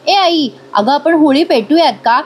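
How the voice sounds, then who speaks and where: A woman's voice: sits high, normal speed, lightly acted. A woman voicing a scheming young woman who pretends to be innocent, in a whiny, pleading tone raised above her narration.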